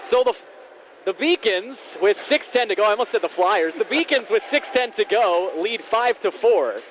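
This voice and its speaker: A man doing live ice hockey play-by-play commentary, raising his voice into excited shouts on scoring chances. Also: high voice, moderate pace. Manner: excited raised goal calls, shouting on chances. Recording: noisy rink, faint background noise.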